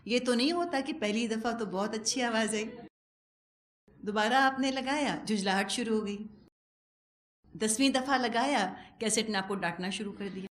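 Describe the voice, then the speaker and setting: Lively, wry woman teaching a lecture. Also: fairly high pitch. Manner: conversational, wry humor; animated, acts out quoted speech. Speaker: Quran teacher. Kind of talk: religious lecture.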